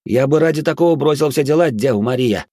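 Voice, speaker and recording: A man voicing an excitable male scientist who gushes and fires off eager questions in an audiobook. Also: medium pitch, fast, no room sound, studio quality, pitched above the performer's own voice, close to an everyday voice. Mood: excited.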